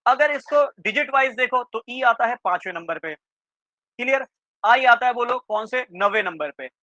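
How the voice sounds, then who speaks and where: A man teaching a reasoning class for exam prep, quizzing students with quick questions and checking often that they follow. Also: very high voice, expressive, pushed and bright, no echo. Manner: keeps checking in with students, asking "clear?". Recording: dry, slightly dull lo-fi sound.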